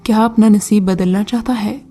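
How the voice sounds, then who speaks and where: Storybook jinn: old male, taunting and commanding, read by a woman, warm tone, soft music bed. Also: medium pitch, fairly even intonation, close to an everyday voice. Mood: mocking.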